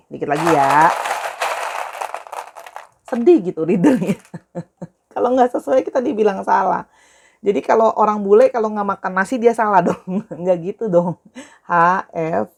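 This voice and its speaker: A young woman talks through a tarot reading in a relaxed, chatty way, fondly addressing her listeners as dear. Her voice has a gravelly, creaky edge at a middling pitch. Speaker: tarot reader. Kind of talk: casual spoken tarot reading.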